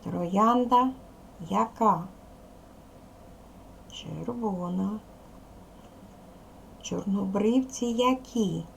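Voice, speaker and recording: A woman's voice: medium pitch, very slow, gravelly, long pauses, a little hiss or hum. A woman teaching a recorded primary school lesson, patiently asking questions and answering them herself. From Ukraine.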